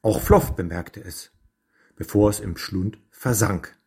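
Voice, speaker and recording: A man reading a children's storybook aloud at a very slow, deliberate pace. His voice sits fairly low and measured. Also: warm tone. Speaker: narrator. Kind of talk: storybook narration.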